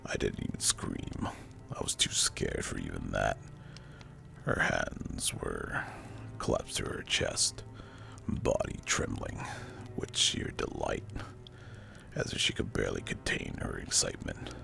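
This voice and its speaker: A man narrating a scripted first-person horror story as hushed ASMR, with a breathy, gravelly, spooky delivery. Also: a bass voice, fairly even intonation. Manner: slow, hushed, deliberate and spooky. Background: music.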